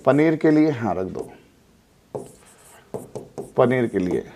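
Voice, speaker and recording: A man teaching an exam coaching class in a chatty way, asking and answering his own quick questions and repeating key points. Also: medium pitch, expressive, warm tone, a little hiss or hum. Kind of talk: classroom lecture.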